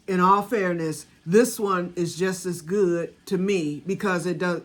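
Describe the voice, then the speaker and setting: Talking straight to her viewers, a home vanilla maker in her sixties rambles casually about her homemade batch. Her voice sits on the low side and sounds a bit bright.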